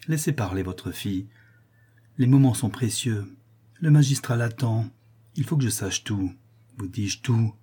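A grave, kindly protector speaks softly and low to a grieving man, as a man reads him aloud. His voice is mellow and dark with a husky edge. The manner is calm and gentle. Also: measured pace, pauses often.

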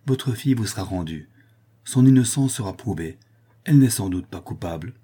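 Man doing a steady reassuring gentleman, low, husky, storybook reading. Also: moderate pace. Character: calm, reassuring noble protector.

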